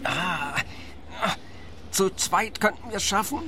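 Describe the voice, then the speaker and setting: An actor playing a grumpy, impatient van driver in a radio drama, harried and exasperated. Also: male voice, high-pitched, slow pace, over music. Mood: straining, coaxing.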